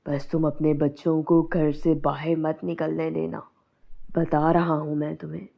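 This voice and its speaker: Brief: a gruff, fretful village husband, low and tinny, cartoon dub. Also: female voice, flat delivery, a little slow, heavily acted. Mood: stern, worried. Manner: scolding, then wailing in grief. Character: worried village husband, man, middle-aged, stern. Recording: tinny phone-like sound.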